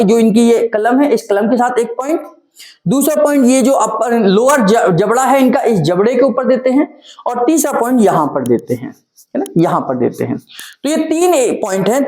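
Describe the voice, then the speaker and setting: A woman's voice: sits high, a little mellow. A woman teaching a therapy technique, explaining while she points to spots and counts aloud. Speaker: neurotherapy instructor. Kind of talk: hands-on teaching demonstration. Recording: echoey room.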